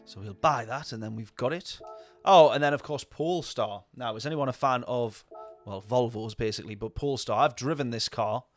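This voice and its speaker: A man's voice: medium pitch, moderate pace, faint music behind. A man talking casually over a racing game stream, rambling and answering viewer chat. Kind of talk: casual gameplay commentary.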